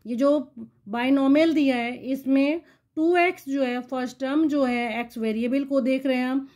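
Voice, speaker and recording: A woman's voice: high-pitched, a little mellow. A woman maths teacher explaining polynomial division step by step, patiently asking the class questions and answering them herself.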